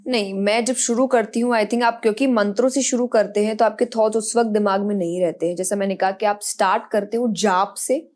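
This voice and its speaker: A young adult woman, a spiritual speaker, calmly and earnestly answering questions in a podcast interview, often restarting her sentences. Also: mid-range voice, brisk, hardly any pauses. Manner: calm, earnest explaining with frequent restarts.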